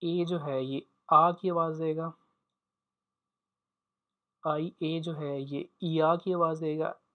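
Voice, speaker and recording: Slow, deliberate male language teacher. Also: a little high, fairly even intonation, smooth, phone-quality sound. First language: Urdu. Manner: slow, deliberate, repeats each sound for practice. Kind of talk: pronunciation lesson.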